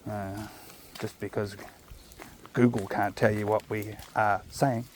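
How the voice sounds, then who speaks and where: Lowish and level, this man's voice moves slowly, with a little hiss or hum in the audio. He has a New Zealand accent and rambles casually to viewers while walking his dog on outdoor park trails, captured by a chest-mounted camera. His manner is laid-back and chatty, with jokey asides.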